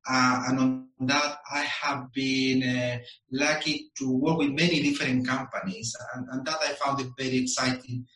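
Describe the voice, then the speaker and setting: A man from Chile, answering interview questions in a measured way and pausing often with ums and uhs. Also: mid-range voice, recorded from a distance. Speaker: guest. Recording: echoey room, voice a bit off-mic.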